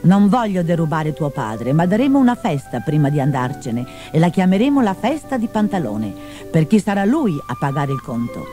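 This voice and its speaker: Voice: medium pitch, sing-song, normal speed, mellow, faint music behind, natural voice. Cheerful young male servant, nearly the narrator's own voice, as the narrator plays him. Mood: plain. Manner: merry, toasting.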